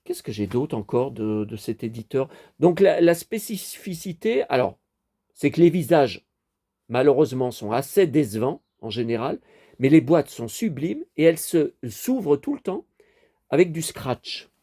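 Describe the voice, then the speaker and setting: Here a man presents his toys to viewers in a relaxed, meandering chat aimed straight at the audience. His voice is warm and medium-pitched, sing-song, at a normal pace.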